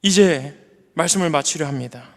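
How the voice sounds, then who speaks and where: A high-voiced male pastor preaching in a church sanctuary, earnest and personal. His voice climbs to strong, emphatic peaks, and it rings out with a long hall reverb. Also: normal speed, fairly bright tone. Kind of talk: sermon.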